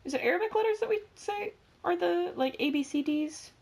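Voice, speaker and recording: A woman's voice: very high voice, expressive, a little fast, darkish tone. A teenage girl co-hosting a podcast in casual chat, rambling, correcting herself mid-sentence and joking. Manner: rambling, self-correcting, jokey. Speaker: podcast co-host.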